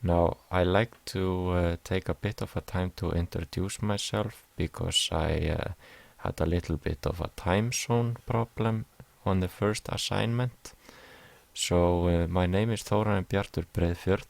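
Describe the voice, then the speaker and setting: A man's voice: deep voice, steady tone, unhurried, vocal fry, no room sound. A young man from Iceland, hesitantly explaining a class assignment over slides, with many fillers. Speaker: music production student.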